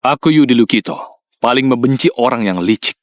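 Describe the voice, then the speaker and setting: A man's voice: medium pitch, brisk, dry recording, clean studio sound, close to an everyday voice. A man voicing a stern, powerful widowed father in a dubbed drama, curt and harsh.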